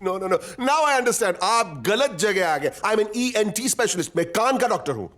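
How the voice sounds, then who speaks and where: A man's voice: high-pitched, very animated, takes it slowly, fairly bright tone, faint music behind, exaggerated voice. An actor playing a hard-of-hearing, flustered male ear doctor who mishears words and repeats himself, in a film comedy.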